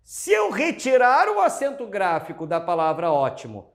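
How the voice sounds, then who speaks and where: A man's voice: sits high, huge pitch swings, moderate pace. A male Portuguese teacher with a Brazilian accent giving an exam-prep lecture, talking emphatically and addressing his students directly.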